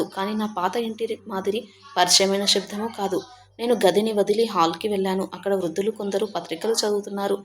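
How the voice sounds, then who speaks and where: Woman narrating a tender first-person story. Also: medium pitch.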